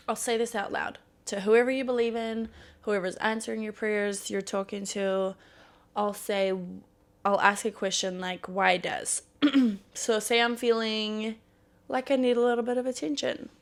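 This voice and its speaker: Gravelly-voiced woman chatting candidly. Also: medium pitch. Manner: candid, swears freely, laughs often. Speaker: podcast host. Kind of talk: casual solo podcast chat.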